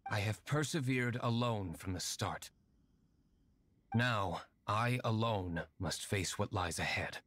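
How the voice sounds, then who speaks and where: A man playing a composed, brooding wealthy young nobleman in a video game, speaking formally and with measured phrasing. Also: lowish voice, a bit bright. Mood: solemn, resolute. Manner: formal, measured, well-spoken. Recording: music playing behind the voice.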